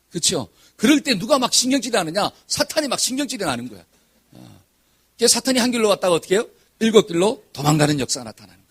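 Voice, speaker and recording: A man's voice: high-pitched, a bit bright, husky. A male pastor preaching a sermon, asking the congregation questions and answering them himself, call-and-response style.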